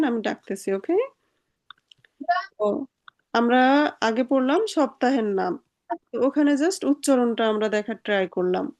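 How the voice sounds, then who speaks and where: A woman with a fairly high voice teaches an online language class. She talks patiently and repeats each word slowly over a video call. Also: a little mellow.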